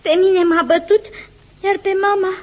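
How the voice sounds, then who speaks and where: A woman's voice: extremely high pitch, fairly even intonation. A woman playing a tiny tearful bear cub. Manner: small, plaintive, tearful. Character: small hurt orphaned boy bear cub, scared and tearful. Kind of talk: radio play acting.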